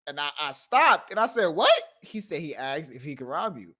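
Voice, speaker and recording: A man's voice: on the high side, moderate pace. A man from the Bronx telling stories in a casual live-stream group chat, acting out the quotes and laughing often over a voice call. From the Bronx, New York. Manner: animated storyteller who laughs often and acts out quotes. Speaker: streamer and discussion host.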